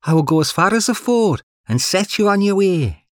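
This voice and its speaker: A man's voice: high voice, expressive, normal speed, no echo, pitched above the performer's own voice. A man putting on a kindly older minister with a fatherly manner. The voice is lifted well above the reader's own and swings up and down with feeling. It is read close and dry. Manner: warm, fatherly address. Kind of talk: audiobook character reading.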